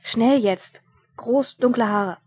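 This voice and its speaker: Woman reader as a harried male watch chief, gruff, commanding, shouting in an audiobook. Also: mid-range voice, fairly quick, natural voice. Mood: urgent shouting. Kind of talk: audiobook reading.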